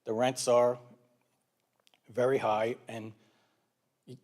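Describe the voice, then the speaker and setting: A man's voice: mid-range voice, level tone, slow pace, darkish tone. A man with a New York accent speaking at a town council public comment, conversational and prone to asides. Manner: conversational, with frequent restarts and asides.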